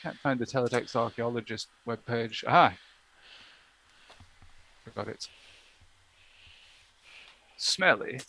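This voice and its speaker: A man's voice: mid-range voice, fairly even intonation, a little slow, vocal fry, pauses often, fairly bright tone, slight background noise. A man co-hosting a casual live stream, chatting while searching for things aloud. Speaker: streamer co-host.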